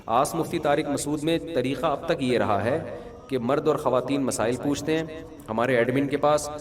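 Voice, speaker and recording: Male mufti, mid pitch, chatty Q&A style with jokes, long hall echo. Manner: conversational, humorous anecdotes, asks listeners if they follow. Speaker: mufti answering questions. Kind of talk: religious Q&A talk.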